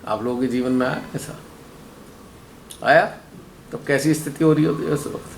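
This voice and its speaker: A man's voice: mid-range voice, normal speed, creaky, slight background noise. Playful man giving a spiritual talk. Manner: playful, rhyming wordplay, laughs between points. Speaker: meditation workshop speaker. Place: workshop hall. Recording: roomy hall echo, faint ambience.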